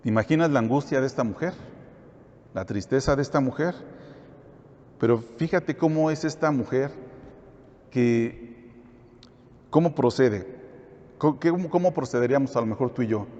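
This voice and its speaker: A man's voice: mid-range voice, moderate pace, long pauses, darkish tone. A man teaching a Bible study, asking the listeners questions and then answering them himself. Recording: echoey hall, dull lo-fi sound.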